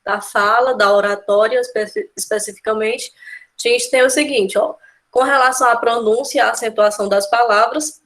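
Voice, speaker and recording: A woman's voice: a little high, a bit bright. A woman with a Brazilian accent teaching an exam-prep grammar lesson, explaining step by step and often checking in with her students. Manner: explanatory, keeps adding "né?" and "tá?" checks. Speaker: Portuguese teacher.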